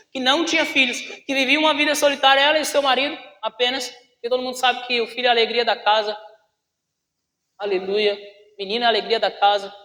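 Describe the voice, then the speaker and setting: A man's voice: extremely high pitch, pushed and bright. A man preaching a sermon to his congregation in a church hall, often calling out to the brothers and asking them questions. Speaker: pastor. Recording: echoey church hall with long reverb.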